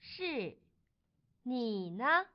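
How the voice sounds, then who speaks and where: A woman reading a part in a slow textbook dialogue, articulating each word carefully. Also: on the high side, sing-song, heavily acted. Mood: plain. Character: adult woman named Susan. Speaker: dialogue reader. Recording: dull lo-fi recording.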